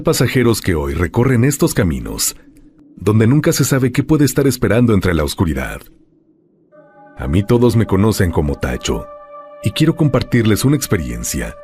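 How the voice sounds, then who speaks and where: A man reading a scripted horror story, slowing down and dropping his voice on the ominous phrases. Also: fairly low pitch, a little mellow.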